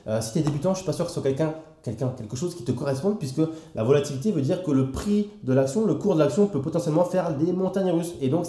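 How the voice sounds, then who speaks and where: A man's voice: fairly high pitch, dark tone, roomy sound. A young French man explaining stock investing to the viewer in a familiar, casual way, full of fillers. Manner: familiar, addresses the viewer directly with frequent fillers. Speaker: investing educator.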